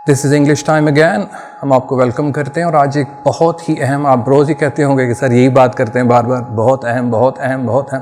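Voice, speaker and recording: A man's voice: mid-range voice, a little mellow, long reverb tail, a little hiss or hum. A man from Pakistan teaching English grammar to children in Urdu, explaining earnestly and repeating points in a teacherly way.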